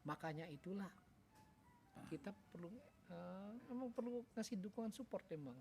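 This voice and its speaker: Animated storytelling father, earnest. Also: sits high, moderate pace, vocal fry, a little hiss or hum. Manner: animated, acts out family dialogue; earnest, reflective advice. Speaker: father and podcast co-host. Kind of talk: casual storytelling chat.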